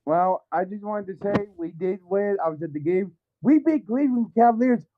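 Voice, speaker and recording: A man's voice: sits high, normal speed, no echo. A man calling in, his phone held away from his mouth so he sounds muffled, cheerful and repeating a fan chant. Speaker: caller.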